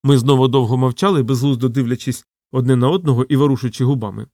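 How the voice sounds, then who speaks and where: A man narrating an audiobook in an even, measured reading. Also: medium pitch, no room sound, clean studio sound.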